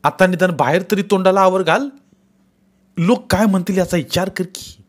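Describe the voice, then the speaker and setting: A man's voice: high voice, normal speed, pitched above the performer's own voice. A man voicing a young village cart driver who answers back in a pleading, defensive way.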